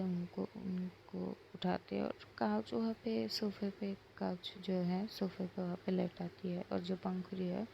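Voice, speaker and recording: A woman narrating a story in an unhurried, halting way, clearing her throat now and then. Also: fairly low pitch, dull audio, a little hiss or hum.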